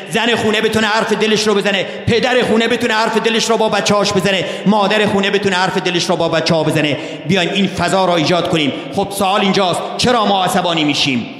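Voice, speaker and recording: A man preaching to a gathering in a slightly higher register. He poses rhetorical questions, answers them himself, and calls his listeners brothers and sisters. His voice rings through a roomy hall with a long, trailing reverb. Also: a bit bright. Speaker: religious speaker. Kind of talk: sermon.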